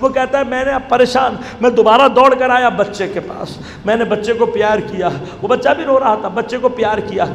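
A preacher telling a moving story in a dramatic sermon, building to loud, impassioned outbursts. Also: male voice, very high voice, brisk, gravelly, hardly any pauses. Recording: echoey hall with faint noise.

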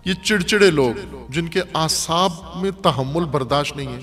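A man with a fairly high voice delivers an emphatic moral lecture to students and keeps firing rhetorical questions. His voice rings with a long hall reverb, and faint music sits underneath. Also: a bit bright.

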